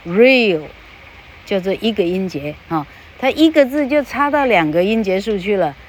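A woman's voice: medium pitch, sing-song, moderate pace, darkish tone, a little hiss or hum, low-quality recording. A woman giving a casual podcast lesson on English pronunciation. She talks into a podcast microphone in a chatty way, tagging her sentences with little fillers and stretching out the example words.

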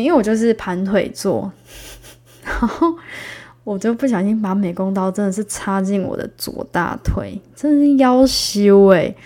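A woman's voice: medium pitch, dark tone. A young woman with a Taiwanese Mandarin accent tells a personal story to her audience. She talks in a chatty, casual way, laughs along as she goes, and acts out the voices of the people she quotes.

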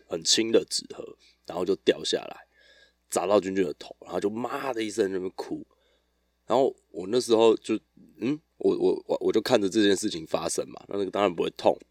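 Deep-voiced man, rambling. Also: dry recording, studio quality. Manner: relaxed, rambling storytelling with restarts. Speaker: podcast host. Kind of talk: casual solo podcast chat.

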